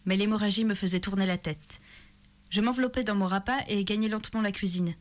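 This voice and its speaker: A woman giving a steady, measured first-person literary reading as a reader of fiction. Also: medium pitch.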